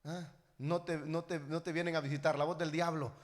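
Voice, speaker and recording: A man preaching a fiery church sermon, swinging from shouted, half-sung calls to low, quiet asides. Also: flat delivery, a little fast. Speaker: pastor. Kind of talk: Pentecostal sermon. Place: church hall. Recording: echoey church hall.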